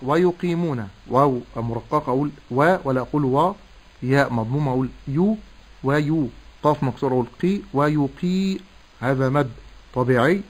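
A man teaching Quran recitation, slowly sounding out each syllable to demonstrate correct pronunciation. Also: mid-range voice, rough recording. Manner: slow, deliberate syllable-by-syllable demonstration. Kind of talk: tajweed lesson.

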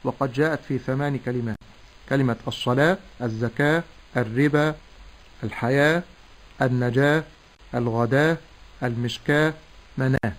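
A man teaching Quran recitation, slowly sounding out each syllable to demonstrate correct pronunciation. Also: medium pitch, low-quality recording. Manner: slow, deliberate syllable-by-syllable demonstration. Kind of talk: tajweed lesson.

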